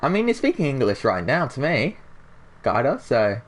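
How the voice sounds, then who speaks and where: A young man with a mid-range, sing-song voice talks at normal speed while gaming on his channel. Slightly sick and nasal, he chats casually with viewers and the chat.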